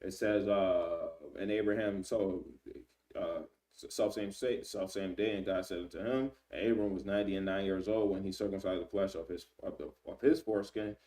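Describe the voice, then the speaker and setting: Low-voiced man in his thirties teaching scripture. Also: steady tone, dark tone, distant mic. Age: 30s. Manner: conversational, fills with "man" and "right?"; reads scripture aloud and pauses to search. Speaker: Bible teacher. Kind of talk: casual Bible teaching.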